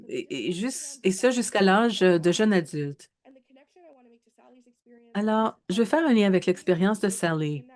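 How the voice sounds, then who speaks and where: A woman in her thirties giving a research presentation in a webinar, speaking in a measured way with frequent hesitations and self-corrections. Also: medium pitch, a little mellow. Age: 30s.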